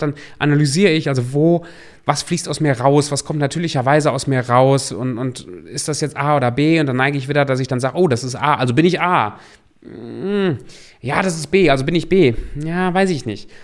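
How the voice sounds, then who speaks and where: A man from Germany, a coach hosting a podcast, talking earnestly and reflectively to the listener in a personal monologue. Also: mid-range voice.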